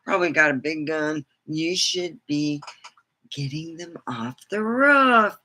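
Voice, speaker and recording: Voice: medium pitch, expressive, takes it slowly, sharp tone. A livestream host chatting casually, in a loose, rambling way that drifts between thoughts.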